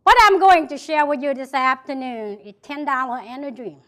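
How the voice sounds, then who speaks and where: A Vietnamese-accented motivational speaker from South Vietnam addresses an event-hall audience at normal speed, repeating key phrases with emphasis. Her voice is high, expressive, and a bit bright.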